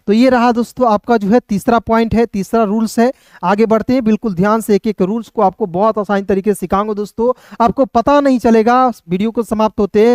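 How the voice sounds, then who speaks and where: A male teacher giving a pronunciation lesson, spelling out words slowly and checking often that students follow. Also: high voice, a little mellow, no echo, clean studio sound. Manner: repeats words slowly, often says "dosto" and "clear hai". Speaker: English teacher.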